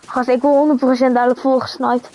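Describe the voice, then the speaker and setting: Very high-pitched young Dutch gamer using street slang. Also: flat delivery, fast, a little mellow, low-quality recording. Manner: street slang, exclaiming and repeating words. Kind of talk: excited gaming commentary with friends. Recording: faint background noise, game sounds.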